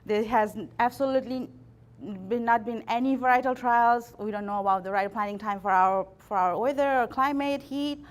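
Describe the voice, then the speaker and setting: Woman, bright voice, workshop talk. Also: a little high, moderate pace, clear, resonant tone. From Nepal. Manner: frequent fillers and restarts, self-deprecating humor. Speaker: extension plant pathologist. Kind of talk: workshop presentation.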